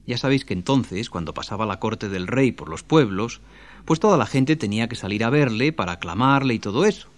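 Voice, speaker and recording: A man's voice: on the low side, lively intonation, fairly quick. A man telling a folktale aloud in a homespun storytelling manner.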